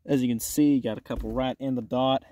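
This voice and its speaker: A man's voice: medium pitch, fairly even intonation, fairly quick, dark tone. A young man hosting a casual outdoor vlog, talking plainly and folksily to viewers while he works. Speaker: outdoors channel host. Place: outdoors at a shooting range.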